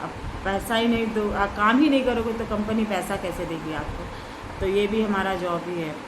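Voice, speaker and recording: A woman's voice: medium pitch, fairly even intonation, normal speed, noisy background. A woman talking casually in a home vlog, chatty and down-to-earth, saying she feels unwell and dizzy. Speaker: vlogger. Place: indoor room at home.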